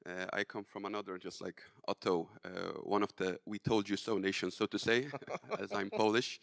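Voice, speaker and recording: Man from sweden, very deep, gravelly, dry close sound, panel remarks. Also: steady tone, no echo. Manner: measured, with filler sounds.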